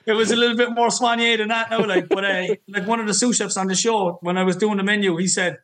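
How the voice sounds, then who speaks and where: High, fast-talking Cork Irishman. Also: steady tone, a bit bright. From Cork, Ireland. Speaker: chef, podcast guest. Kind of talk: casual interview chat.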